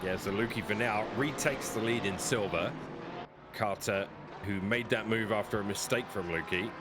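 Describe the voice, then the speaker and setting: A man's voice: fairly low pitch, very noisy. Man commentating through a livestream headset mic. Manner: quick, chatty play-by-play, thanks viewers. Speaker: race commentator. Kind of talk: sim racing livestream commentary.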